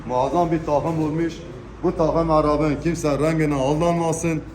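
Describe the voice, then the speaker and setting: A man giving an unscripted auctioneer's sales pitch, presenting lots in an emphatic way and repeating his phrases. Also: steady tone, unhurried, darkish tone. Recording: echoey room with background noise. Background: birds, pigeons.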